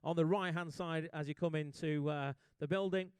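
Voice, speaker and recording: A man working as an auctioneer, calling bids in a sale room with brisk, jokey patter. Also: a little high, fairly even intonation, smooth, dry recording.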